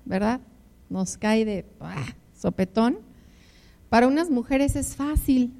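A woman's voice: medium pitch, darkish tone. An older woman preaching to married couples, telling emotional personal stories and calling the listeners her beloved ones. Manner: emotional storytelling with personal anecdotes. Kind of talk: conversational sermon.

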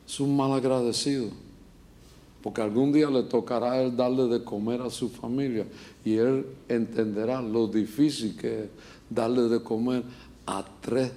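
A man's voice: mid-range voice, warm tone. An older man, a pastor, preaching a sermon with passion, speaking straight to his listeners and mixing in humor. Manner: impassioned, addresses listeners directly with humor.

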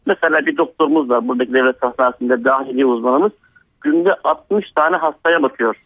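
A man's voice: medium pitch, brisk, no room sound. A man in his forties, a teacher calling in to a radio show over a landline phone, telling his point plainly and earnestly. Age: 40s. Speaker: radio call-in listener, teacher. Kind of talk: casual call-in comment. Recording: tinny dry phone line.

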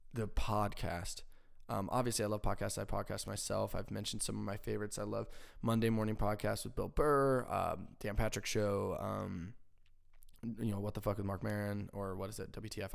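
A man's voice: fairly low pitch, vocal fry. A young man hosting his own podcast, ranting casually in a rambling, profane, exasperated way into a home mic. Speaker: podcast host. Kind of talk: casual solo podcast rant. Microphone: home podcast mic with crackling.

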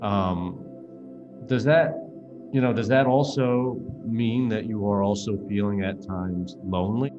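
Male professor as guest host, lowish voice, halting questions, muffled lo-fi audio. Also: over music. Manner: hesitant, many "uh" and "um".

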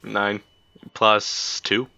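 A man's voice: on the low side, monotone, extremely slow, vocal fry, pushed and bright, muffled recording, slight background noise. A man narrating as game master of a tabletop game, casual with many fillers. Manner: casual, filler-heavy, laughing.

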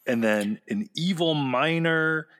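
Bright-voiced man in casual chat. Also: a little high, slow pace. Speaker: podcast co-host. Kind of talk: casual chat, pop-culture discussion.

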